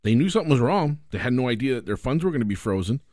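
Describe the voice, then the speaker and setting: A man from Canada co-hosting a finance radio show in a casual, animated way, acting out little scenes. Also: mid-range voice, racing, dry recording.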